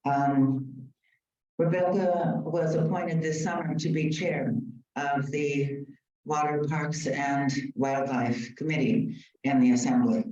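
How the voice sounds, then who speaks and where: Low-voiced woman sharing updates at a community meeting, recorded from across an echoey room. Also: steady tone, slow pace, dark tone. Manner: chatty, informative, with many fillers. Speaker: community group member. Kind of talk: informal meeting remarks. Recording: roomy, distant, dull room mic.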